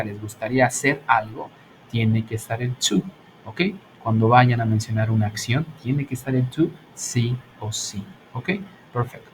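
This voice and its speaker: A man's voice: fairly low pitch, slight background noise, poor audio. Bilingual man teaching English grammar. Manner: explains patiently, switches between Spanish and English, frequent "¿ok?". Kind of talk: online class explanation.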